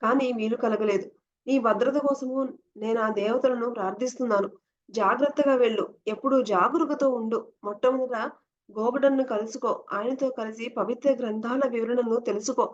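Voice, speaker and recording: A woman's voice: a little high, normal speed, highs cut off, a little hiss or hum, natural voice. A woman voicing a stern but loving old guru. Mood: instructing. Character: elderly male guru, stern yet loving.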